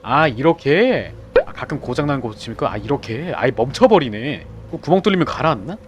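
A man's voice: mid-range voice, fairly quick, noisy background. A young man commentating a horror game as he plays, chatting with teammates and yelping when startled. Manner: excitable, yelps and shouts when startled. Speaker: game streamer. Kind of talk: live gameplay commentary.

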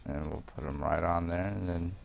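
This gamer presents a casual video game walkthrough, explaining things step by step in an informal way. His voice is low and gravelly, with fairly even intonation and a moderate pace, over soft background music.

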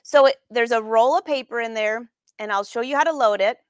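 In a dry, studio-quality recording, a middle-aged woman with a slightly high, smooth voice talks fairly quickly while hosting a live sewing lesson. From an indoor sewing studio, she chats informally through the craft demonstration and quizzes her viewers.

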